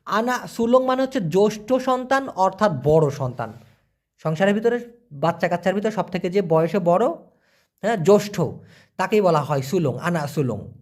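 A man teaching a vocabulary lesson, spelling words letter by letter and repeating them slowly. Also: sits high, animated. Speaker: language teacher.

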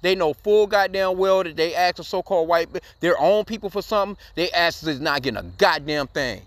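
Man, heated rant, profane and rambling, slightly high voice, dry close sound. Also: lively intonation, a little fast, dry recording. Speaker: commentary channel host. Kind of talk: heated casual commentary.

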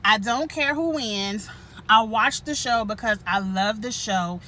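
A woman's voice: a little high, unhurried, sharp tone, slight background noise. A woman hosting her own channel, giving a casual, blunt and profane commentary straight to her viewers, laughing often. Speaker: channel host reviewing a reality show.

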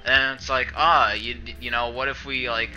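Bright-voiced young man rambling on stream. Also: mid-range voice, level tone, normal speed, lo-fi sound, soft background music. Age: young adult. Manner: self-deprecating, sarcastic, swearing. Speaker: streamer and video editor. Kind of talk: casual rambling livestream chat. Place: small bedroom indoors.

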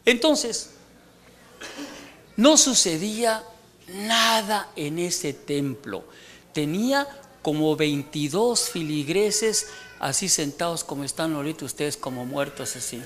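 A man's voice: on the high side, lively intonation, slow, fairly bright tone. A man in his sixties with a Mexican accent, telling a humorous testimony in a church sermon and teasing the congregation. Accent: Mexican Spanish. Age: 60s. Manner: joking storyteller who teases the congregation. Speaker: preacher giving testimony.

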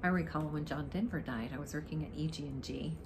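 A woman's voice: low voice, quick pace. An older woman with a dry throat chats casually to the camera in a rambling, reminiscing way, as an amateur guitarist. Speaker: amateur guitarist introducing a song. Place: living room, indoors, on a sofa. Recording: clearly noisy home recording.

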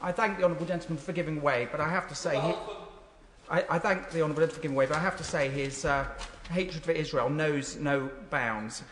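A man speaking as a member of parliament in a heated debate, accusatory and halting, repeating his phrases. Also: fairly high pitch. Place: large debating chamber. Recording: echoey hall, noisy crowd behind. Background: crowd of members calling out.

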